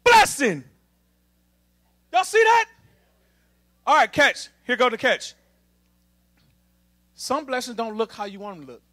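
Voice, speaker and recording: High, bright, animated male preacher. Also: normal speed, long pauses. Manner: animated, humorous call-and-response preaching with the congregation. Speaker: assistant minister. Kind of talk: lively sermon. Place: church sanctuary.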